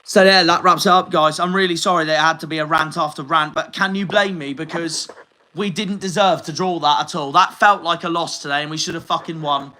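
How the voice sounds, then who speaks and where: A little high and sharp-toned, this young Plymouth-area football vlogger talks a little fast with fairly even intonation, fuming and cursing in a post-match reaction. The recording quality is low.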